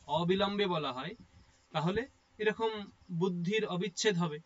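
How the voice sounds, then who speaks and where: A man's voice: high-pitched, measured pace, highs cut off. A man teaching a class, explaining step by step and often checking that listeners follow. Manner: explains step by step, often asks "ঠিক আছে?". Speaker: Sanskrit teacher. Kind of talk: explanatory lecture.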